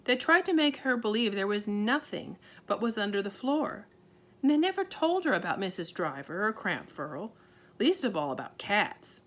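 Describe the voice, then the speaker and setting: Reading aloud at medium pitch and normal speed, a woman takes on the role of a small borrower father, steady in mood, who reassures calmly using simple, ungrammatical, homespun speech.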